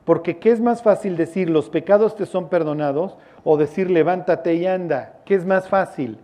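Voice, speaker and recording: A man's voice: high-pitched, moderate pace, warm tone. A man with a Mexican accent preaching a sermon as a pastor, in a casual, joking, storytelling way with slang.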